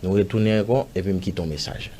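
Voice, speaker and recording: A man's voice: sits low, quick pace, dark tone, a little hiss or hum. A man with a Haitian accent recounting a personal story in an interview, rambling and acting out the dialogue. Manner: rambling, acts out dialogue, pepper of "bah" and "man". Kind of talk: casual spoken storytelling.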